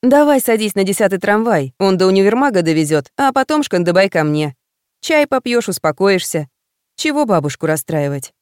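A woman voicing a blunt young woman best friend who talks briskly and teases in a no-nonsense way, in an audiobook. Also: mid-range voice, sing-song, a little mellow, smooth, no room sound, clean studio sound, close to an everyday voice.

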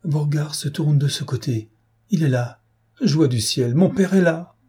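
A desperate young woman cries out for her father in a raised, emotional voice, as a male audiobook reader puts her on. The tone stays dark and very husky under the strain. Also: medium pitch, expressive, a little slow. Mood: pleading, tearful. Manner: pleading, emotional. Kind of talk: audiobook character reading.

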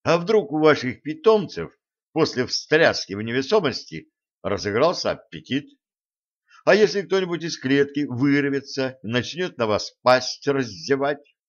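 A man's voice: medium pitch, big pitch swings, measured pace, voice pushed up. A man voicing a dry, ironic space pirate captain in an audiobook. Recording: dull lo-fi recording.

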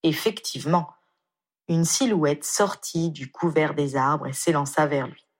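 A woman reading a story aloud in a calm, measured way. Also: low voice. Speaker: audiobook reader. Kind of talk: scripted narration.

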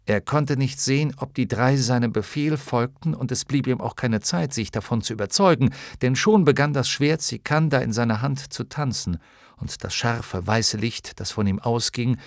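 A male storyteller reading a fantasy audiobook with lively, expressive phrasing at a middle pitch. The studio sound is close and dry, with no room around the voice. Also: normal speed, gravelly, no echo. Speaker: audiobook narrator. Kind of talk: scripted narration.

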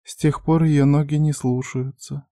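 A scared young serving girl with a high, thin voice, speaking barely above a hush in a storybook tale, as a male reader puts her on. Her words come soft and small, recorded close and dry. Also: level tone, a little slow, no room sound. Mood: timid hushed. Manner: quiet, barely audible. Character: frightened young waitress, timid and hushed. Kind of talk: audiobook character voice.

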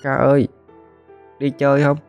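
A man's voice: medium pitch, monotone, normal speed, smooth, dull audio, soft background music, pitched above the performer's own voice, natural voice. A man voicing a small ghost boy who keeps coaxing another child to come out and play. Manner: wheedling, insistent invitations.

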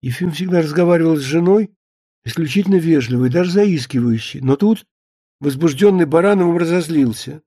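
A male audiobook narrator telling a humorous story in a dry, wry way. His voice is dark and husky, and the recording is close and dry with no room sound. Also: a little high, lively intonation, a little fast, dry recording. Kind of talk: scripted narration.

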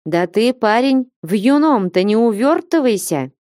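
A woman voicing a bold, impatient young woman who scolds and mocks in a raised, lively voice. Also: fairly high pitch, a little slow, dry recording, studio quality, pitched above the performer's own voice. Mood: scolding. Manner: scolding, insistent, mocking.

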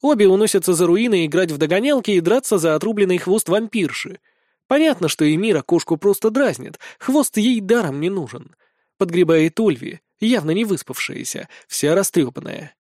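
A man narrating a first-person fantasy audiobook in a brisk, wry way. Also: high-pitched, lively intonation, a little mellow, no room sound, studio quality.

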